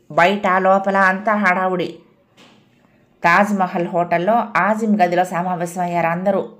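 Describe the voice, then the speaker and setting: A woman reading an audio novel aloud as narrator, in a calm, steady storytelling manner. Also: mid-range voice.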